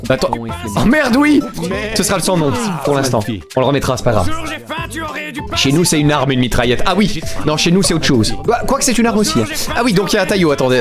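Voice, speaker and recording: A playful man chats casually on a stream, joking as he tries out voices. His somewhat high voice rises and falls in a lively way. Music plays clearly behind him. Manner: playful, laughing, tries silly accents. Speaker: streamer doing voice impressions.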